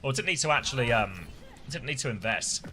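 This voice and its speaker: A man doing live esports play-by-play commentary, with fast excited calls that leap up in pitch on big plays. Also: soft background music.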